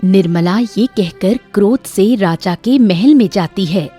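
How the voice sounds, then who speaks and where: A woman giving scripted storybook narration for an animated moral tale, in a steady, even storytelling manner. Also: medium pitch, measured pace, slightly rough, soft background music.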